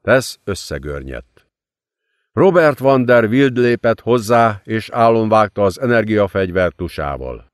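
A man's voice: on the low side, big pitch swings, no room sound, studio quality. A man reading an audiobook with dramatic narration. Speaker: audiobook reader.

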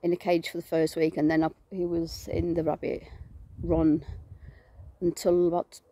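A woman's voice: fairly low pitch, completely flat delivery, normal speed, dark tone. A woman vlogging from her garden, filming herself on a phone and chatting in a rambling way with lots of fillers. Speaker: vlogger and animal rescuer. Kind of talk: casual self-filmed chat.

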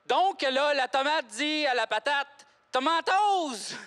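A man playing a dim, earnest guest who talks haltingly, full of hesitations. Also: extremely high pitch, creaky, pushed and bright, heavily acted. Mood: bumbling. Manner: bumbling, halting, full of fillers. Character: dim, earnest male book-loving guest.

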